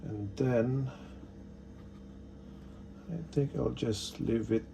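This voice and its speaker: This installation tutorial is narrated casually by a man demonstrating the product, moving step by step with short instructions. He speaks extremely slowly in a steady, gravelly voice of medium pitch, with faint noise behind him.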